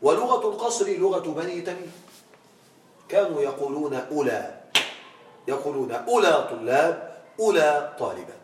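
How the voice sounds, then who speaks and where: A man teaching an Arabic grammar lesson in a classroom, quizzing his students with questions and stretching out words slowly for emphasis. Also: medium pitch, a little mellow. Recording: echoey room, from far off.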